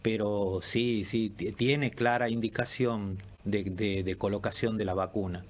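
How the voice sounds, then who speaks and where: A man, a lung doctor answering questions in a radio interview, measured and explanatory with frequent fillers. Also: lowish voice, fairly even intonation. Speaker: pulmonologist guest.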